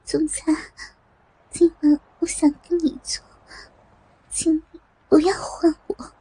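A woman voicing a timid young woman who pleads softly and tearfully in a storybook. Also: very high-pitched, flat delivery, slow, dry recording, voice pushed up, low-quality recording. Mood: pleading. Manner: soft, trembling, tearful.

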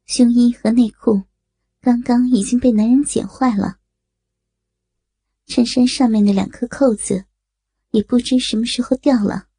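Brief: woman narrator, slow and breathy, mellow husky tone, dry close sound. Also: fairly high pitch, fairly even intonation, no room sound. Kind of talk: erotic audio story reading.

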